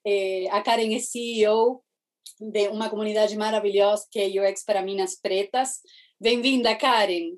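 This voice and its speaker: A woman from Argentina, speaking Portuguese with an Argentine Spanish accent, who welcomes a guest and moderates a panel with gentle questions. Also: mid-range voice, steady tone, moderate pace.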